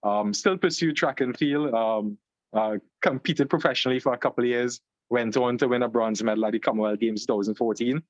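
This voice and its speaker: A young man from Trinidad and Tobago with a Trinidadian accent, a guest on an interview podcast, telling his story in a relaxed way, joining over a video call. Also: medium pitch, brisk, dry recording. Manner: relaxed storyteller, fillers, "long story short". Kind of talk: conversational interview. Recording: slightly dull, dry call audio.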